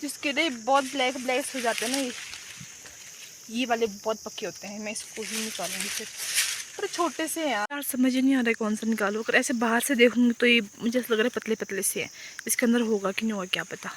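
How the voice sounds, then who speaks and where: A woman's voice: a little high, a little fast, noisy background. A young woman chatting casually in a rambling vlog, speaking outdoors around a rural home and fields into a handheld phone. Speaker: vlogger.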